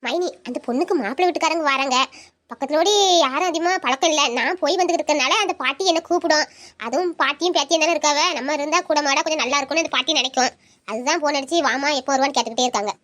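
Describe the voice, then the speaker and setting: A woman's voice: high voice, very fast, fairly bright tone. A woman voicing a caring, practical village aunt who talks persuasively. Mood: earnest. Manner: explaining, persuasive.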